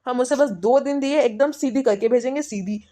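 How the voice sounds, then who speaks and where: Performer playing a crafty doting father, soothing, sly, polite to in-laws, fairly high voice. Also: a little fast, dark tone, natural voice. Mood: coaxing. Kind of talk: Hindi family skit acting.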